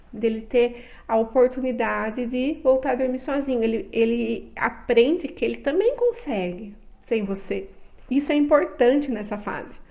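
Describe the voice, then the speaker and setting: A woman with a Brazilian accent giving calm advice to parents, often checking in with "tá?". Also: on the high side. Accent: Brazilian Portuguese. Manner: gentle advice with frequent "tá?" check-ins. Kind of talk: talking to parents.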